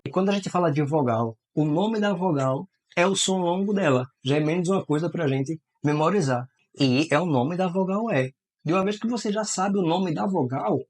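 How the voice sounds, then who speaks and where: A man teaching English vowel sounds in a lively, exclamatory way, slowing down to sound out letters. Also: medium pitch. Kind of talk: explanatory language lesson.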